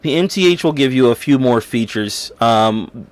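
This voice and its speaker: A man's voice: mid-range voice, expressive, moderate pace. Rambling man hosting a casual livestream. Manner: rambling and casual, with many restarts and fillers; reads viewers' chat comments aloud. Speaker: livestream host.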